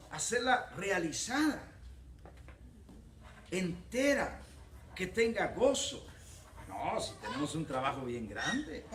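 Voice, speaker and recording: A man's voice: high voice, fairly bright tone, slight background noise. A man with a Mexican accent preaching a humorous sermon as pastor, joking and acting out little dialogues. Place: church hall. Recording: echoey church hall from far off, crowd laughing. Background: congregation laughing.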